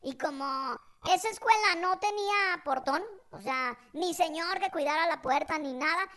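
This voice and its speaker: A woman's voice: very high-pitched, normal speed, sharp tone. A woman hosting a podcast, telling a family story in a chatty, slangy way and often turning to the listener with tag questions. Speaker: podcast host. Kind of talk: casual storytelling.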